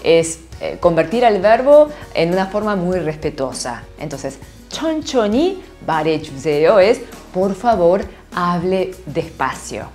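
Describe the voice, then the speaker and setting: A woman teaching a lively online Korean lesson, laughing often and checking in with her students. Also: on the low side, moderate pace, faint music behind. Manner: animated, laughs often, asks "¿sí?" constantly.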